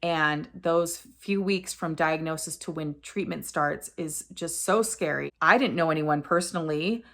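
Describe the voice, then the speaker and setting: A woman's voice: low voice, a little slow, hardly any pauses, fairly bright tone. A woman in her forties telling a personal story to camera in an earnest, candid way, often correcting herself as she goes. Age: 40s. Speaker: vlogger sharing a personal story.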